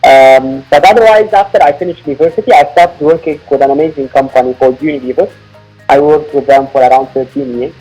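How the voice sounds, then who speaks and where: A man from Lebanon, founder of a company, explaining his product in a podcast interview with a measured, filler-laden manner. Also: on the high side, dark tone, slightly rough, faint music behind, low-quality recording. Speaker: founder and CEO guest.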